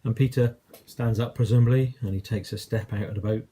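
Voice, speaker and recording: A man's voice: lowish voice, steady tone, a little fast, mellow, husky. A man with an English accent preaching a sermon, telling a story in a conversational way and acting out quoted lines.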